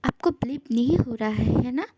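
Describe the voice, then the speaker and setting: A woman's voice: fairly high pitch, expressive, normal speed, mellow, slight background noise, close to an everyday voice. A woman playing a playful, teasing young wife in a fan audio drama, who taunts and sweetly coaxes. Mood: coaxing.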